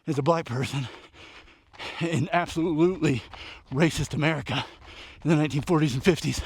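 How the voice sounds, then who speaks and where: A man's voice: fairly high pitch, fairly quick, slightly rough, dry recording. A man, out of breath, talking casually in short phrases about books while running outdoors. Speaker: book reviewer vlogger. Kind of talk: casual book recap vlog recorded on a run. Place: outdoors at night.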